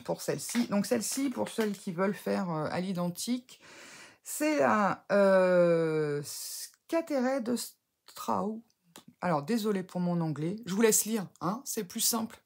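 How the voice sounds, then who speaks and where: A woman's voice: medium pitch, gravelly, darkish tone, husky. A woman chatting through a casual craft tutorial as she works, hesitant and full of fillers, often correcting and teasing herself. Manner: talks while working with her hands, self-mocking. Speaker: scrapbooking crafter.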